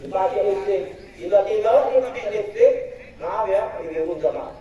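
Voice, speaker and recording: A jokey, storytelling preacher, a man, speaks straight to his audience in a high, mellow voice. He sounds picked up from a distance in an echoey room. The recording is dull and lo-fi. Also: animated, brisk, a faint crowd, slight background noise. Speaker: Islamic preacher. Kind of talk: lively humorous sermon. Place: school religious gathering.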